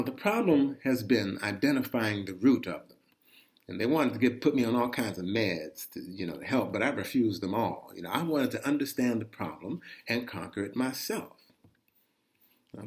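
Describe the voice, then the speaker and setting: Reading a chronicle told in the first person, a man with a lowish voice takes on the role of a dramatic storyteller, speaking in an expressive, conversational way and stressing his phrasing on purpose.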